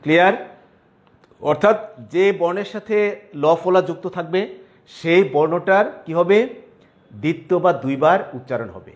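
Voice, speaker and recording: A man's voice: fairly high pitch, normal speed, pauses often. A male teacher, giving a classroom grammar lecture and often checking whether students follow. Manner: explanatory, asks "clear?" to check understanding. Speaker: college Bengali teacher.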